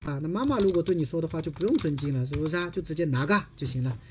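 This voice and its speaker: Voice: mid-range voice, lively intonation, racing, darkish tone, slight background noise. A Korean language teacher from China giving a livestream lesson. The teacher constantly asks the audience tag questions and switches between Chinese and Korean example sentences.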